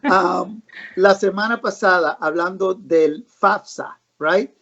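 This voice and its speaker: A woman's voice: lowish voice, slow, a bit bright. A woman hosting a live online interview, asking questions in an upbeat, chatty way. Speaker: host. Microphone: video call. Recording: dull lo-fi live-stream audio.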